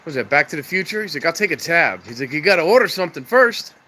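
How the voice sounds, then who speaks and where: A man with a stuffed-up nose talks casually and fast in a slightly high, sing-song voice, rambling along in an easygoing way. He's a train-spotting vlogger doing a live-stream chat outdoors at a railroad crossing, filming on a handheld camera mic that picks up wind. Loud traffic and outdoor noise fill the recording.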